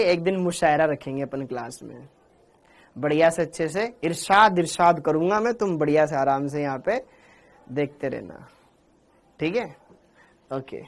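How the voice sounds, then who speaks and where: A man teaching chemistry in a live online class. He talks in a playful, teasing way, calls students by name and mixes English words and lines of verse into his explanations. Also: on the high side.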